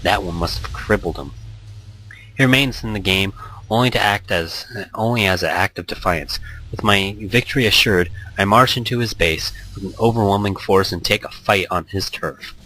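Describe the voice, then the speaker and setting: Over background music, a man with a deep voice reads a visual novel aloud with expression at a moderate pace, his tone pushed and bright. He stumbles on words now and then and rereads them, mixing in casual asides, and the audio quality is poor.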